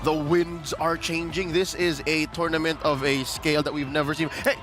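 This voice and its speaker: A man's voice: on the high side, level tone, moderate pace, over music. A man giving conversational live commentary as an esports caster.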